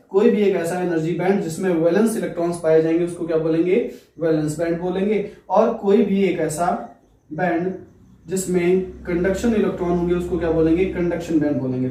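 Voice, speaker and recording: A man's voice: high-pitched, warm tone. A man teaching physics, asking questions and answering them himself. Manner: asks questions and answers them himself, repeats key terms; mixes Hindi with English phrases. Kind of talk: classroom lecture. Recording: echoey room, far from the mic.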